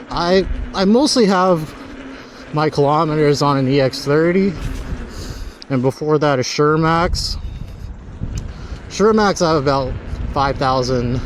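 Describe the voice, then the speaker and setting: A man chats in a loose, rambling way as he rides through town, cursing offhandedly. His voice sits a little high for a man, captured close by a helmet mic. Wind and street noise from the ride run clearly underneath. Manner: rambling, loose, swears casually. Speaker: vlogger. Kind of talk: casual chat while riding. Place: outdoors on town paths.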